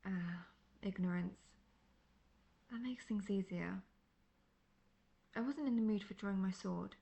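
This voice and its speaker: A woman plays a seasoned, world-weary female monster hunter in a fantasy audio roleplay, with a medium-pitched, gravelly, dark voice. She speaks in a measured, formal, dryly condescending way, cool and warning in mood.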